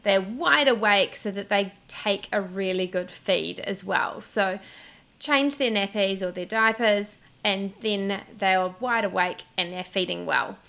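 Woman on a podcast explaining baby stuff step by step, clear bright voice. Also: mid-range voice, measured pace. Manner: explaining step by step, fillers and restarts. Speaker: podcast co-host. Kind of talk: casual advice chat.

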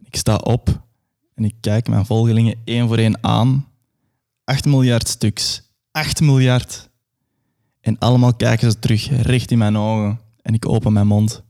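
A man's voice: on the low side, fairly even intonation, normal speed, warm tone. A young man performing a grandiose, absurdist dramatic monologue.

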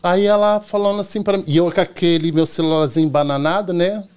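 A middle-aged man with a Carioca accent chats as a podcast guest, his voice sitting fairly high for a man. He tells anecdotes casually and plays out the back-and-forth dialogue as he goes. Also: steady tone, a little fast, a little mellow, smooth. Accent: Carioca Portuguese. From Rio de Janeiro, Brazil. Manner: chatty, tells anecdotes acting out quoted dialogue, often tags "entendeu?". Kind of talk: casual storytelling in a podcast chat.

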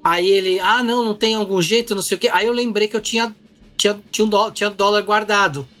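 A man's voice: high-pitched, fast talker, soft background music. A man telling a travel mishap in casual chat, acting out the other people's lines as he goes. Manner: animated storyteller, acts out dialogue.

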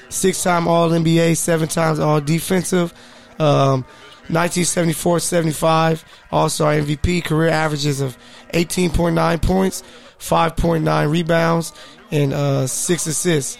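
A man hosts a casual sports podcast with a gravelly, somewhat raised voice. He jokes loosely and fills gaps with "uh" and "um". Faint music plays behind him. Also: fairly high pitch, little pitch movement, a little slow. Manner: loose, joking, many fillers. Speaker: podcast host.

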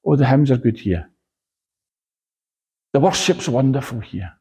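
A man's voice: medium pitch, big pitch swings, measured pace, mellow, breathy edge, heavily acted. A man acting out a confused male churchgoer who talks in a hesitant, rambling way. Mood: content. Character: confused adult male churchgoer, unsure of himself.

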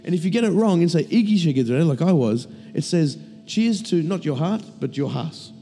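A man hosting a casual chat, animated and crude, firing off quick questions and jokes. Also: a little high, in a large hall. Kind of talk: casual banter.

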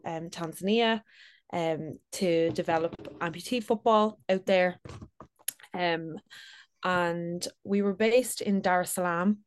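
A woman's voice: on the low side, darkish tone, smooth. A woman podcast guest telling a travel story in an earnest way, with many fillers. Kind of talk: casual interview chat.

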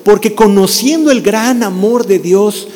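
A pastor preaching a sermon, who acts out quarrels between spouses and relatives in quoted voices. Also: male voice, high-pitched, a little slow, a little mellow, big-room sound.

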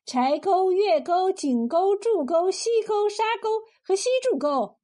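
A woman voicing a clever young woman innkeeper in a told story, talking in a brisk, lively, teasing way. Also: very high-pitched, voice pushed up. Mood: boastful. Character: sly, quick-witted young woman innkeeper.

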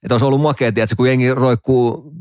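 A man chatting casually on a podcast, easygoing and agreeable, often stumbling over restarts. His pitch is mid-range. The recording is dry and close. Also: fairly even intonation, darkish tone, no echo. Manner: agreeable, frequent "joo" backchannels, stammers on restarts. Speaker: podcast co-host. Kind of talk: casual chat.

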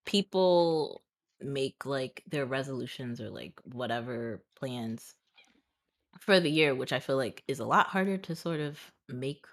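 Very low-voiced woman co-host, relaxed. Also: unhurried. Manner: relaxed, laughs often, loose hesitant phrasing. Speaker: podcast co-host. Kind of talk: casual chat.

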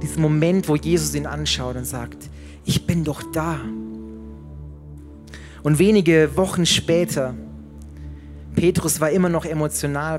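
A pastor telling a Bible story in a sermon, dramatic, with his voice dropping very low and quiet at key moments. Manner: dramatic, drops to near-whisper at key moments.

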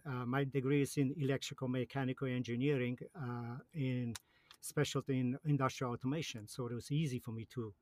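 A Polish man in his fifties, with a Polish accent, is a guest in a casual interview. He speaks haltingly with many fillers and restarts, in a mid-range, darkish voice.

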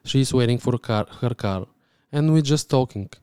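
Mellow, smooth-voiced man telling a story. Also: medium pitch, normal speed, no echo, clean studio sound. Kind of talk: casual storytelling in conversation.

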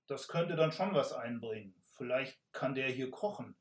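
A man's voice: medium pitch, expressive, moderate pace, natural voice. A man doing a greedy scheming robber. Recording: roomy echo.

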